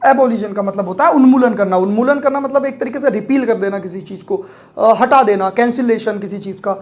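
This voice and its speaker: Young guy teaching vocab, fairly high voice, keeps asking okay? after each trick. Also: brisk, darkish tone. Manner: explains each word through a memory trick and keeps checking in with "okay?". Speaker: vocabulary teacher for exam prep. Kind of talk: classroom-style lesson.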